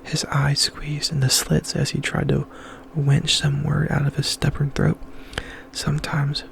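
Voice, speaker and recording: Creaky man whispering right in your ear. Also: on the high side, monotone, measured pace, a bit bright. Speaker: narrator reading aloud. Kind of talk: whispered ASMR reading of a horror novel.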